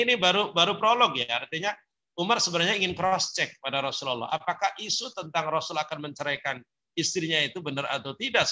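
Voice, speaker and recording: A man's voice: on the high side, sharp tone. A man preaching at a religious study gathering, retelling stories with Arabic quotations and casual asides. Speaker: Islamic preacher. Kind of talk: religious study talk, storytelling.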